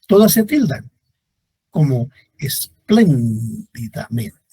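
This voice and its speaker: A male teacher lecturing a class on grammar, his voice mellow and a little husky. He reads example words one by one at an unhurried pace. The sound is close and dry. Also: mid-range voice, big pitch swings, no room sound. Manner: slow, deliberate reading of example words; addresses students directly.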